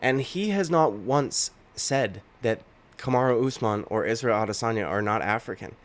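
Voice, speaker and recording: A Canadian man with a slightly low but fairly bright voice offers opinionated MMA reaction commentary. He is indignant, ranting and saying the same things over again.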